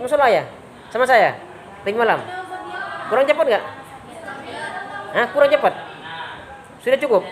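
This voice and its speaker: Woman teaching a class, quizzing students. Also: on the high side. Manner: explains by demonstrating, often quizzing the class. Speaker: Islamic boarding school teacher. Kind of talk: religious lesson to students. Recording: crowd noise behind the voice.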